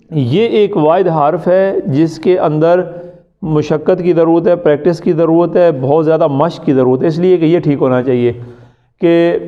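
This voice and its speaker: A man from Pakistan teaching Quran recitation in class. He drills each sound by repeating it, quizzes his students and keeps checking that they follow. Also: on the high side. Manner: often checks understanding with "ٹھیک ہے؟". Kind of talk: classroom lesson. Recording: muffled lo-fi recording.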